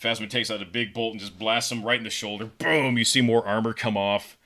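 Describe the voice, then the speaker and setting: Rambling man with a bright, forceful voice. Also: fairly low pitch, flat delivery, quick pace. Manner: rambling, filler-heavy retelling. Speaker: podcast host. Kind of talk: casual story pitch.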